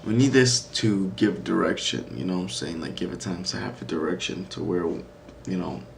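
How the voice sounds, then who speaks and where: Creaky-voiced young man chatting on stream. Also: low-pitched, normal speed, slight background noise. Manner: loose and rambling, says "bro" and "like". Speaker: day-trading livestreamer. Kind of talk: casual live-stream chat.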